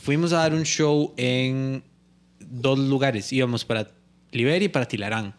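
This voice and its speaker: A man's voice: medium pitch, moderate pace, clean tone. A man with a Costa Rican accent, a comedian telling a story in casual chat with friends and acting out the voices in it. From Costa Rica. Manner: storytelling, acts out quoted voices, laughs often. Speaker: comedian, podcast co-host.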